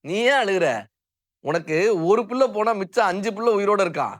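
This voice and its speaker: A man's voice: high voice, animated, brisk, a bit bright, no echo, studio quality, pitched above the performer's own voice. A man voicing a grieving female goddess of righteousness who pleads and wails in lament. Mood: anguished lament. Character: grieving goddess of righteousness, beating her chest.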